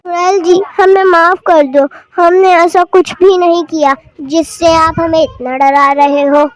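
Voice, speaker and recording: A woman voicing a frightened schoolboy in a cartoon, who speaks in a fast, pleading way. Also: very high voice, steady tone.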